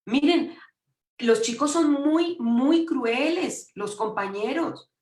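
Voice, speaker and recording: A woman's voice: sits high, animated, slow pace, a little mellow. A woman giving a conference lecture, speaking emphatically and often restarting her sentences. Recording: echoey room.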